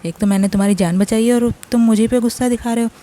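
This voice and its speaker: A woman's voice: fairly high pitch, steady tone, quick pace, warm tone, close to an everyday voice. A woman reading a bossy scolding young woman. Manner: scolding, threatening.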